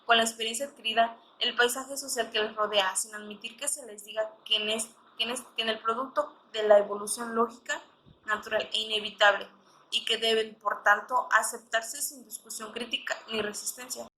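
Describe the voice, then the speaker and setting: A woman's voice: a little high, fairly even intonation, a little fast, bright, forceful tone, poor audio. A woman panelist reading a prepared academic text in a formal way, sometimes stumbling over words. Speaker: panelist, history teacher.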